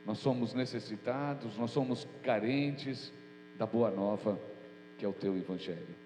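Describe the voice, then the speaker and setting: A man with a fairly low voice preaches at a measured pace, serving as pastor and delivering a prayer and sermon. His cold leaves him sounding nasal and stuffy, but he speaks earnestly and informally. The church hall is echoey, with audible mains hum.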